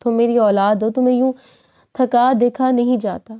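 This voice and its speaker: A woman voicing a tender, worried father who speaks softly to his daughter. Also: a little high, fairly even intonation, smooth, close to an everyday voice. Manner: soft, gentle.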